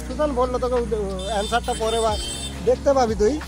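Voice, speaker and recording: A man hosts in a casual, chatty way and presses with questions. His voice is high and he talks very quickly. Music runs underneath. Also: steady tone. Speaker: host making prank calls to friends. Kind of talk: casual chat.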